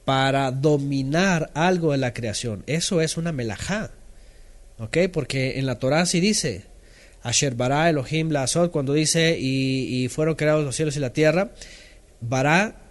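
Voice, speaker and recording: Conversational male Bible teacher. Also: a little high. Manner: conversational, checks in with listeners often. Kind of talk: teaching sermon.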